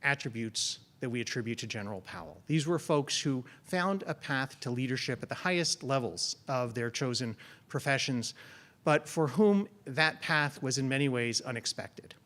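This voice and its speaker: At a public event, a male college dean introduces a guest and moderates the conversation, speaking in a measured way with frequent ums. His voice is medium in pitch and a bit bright.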